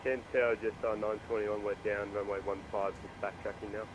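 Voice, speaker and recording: A pilot on the radio frequency, heard over a cockpit headset, talking in brisk, clipped radio phrasing. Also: male voice, on the low side, level tone, background noise.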